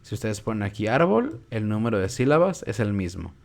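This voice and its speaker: A young man with a Mexican Spanish accent gives a relaxed, informal lesson. His voice sits somewhat low, and he explains patiently, repeating words aloud to show where the stress falls. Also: a little fast, gravelly. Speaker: teacher. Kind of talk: casual online class.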